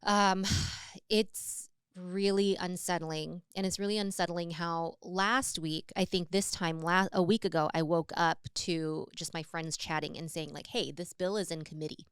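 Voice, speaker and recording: Earnest low-voiced woman podcaster. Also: fairly even intonation, unhurried, clean tone, no room sound, clean studio sound. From United States. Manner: earnest, thoughtful, many fillers and restarts. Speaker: podcast co-host. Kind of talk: casual conversation.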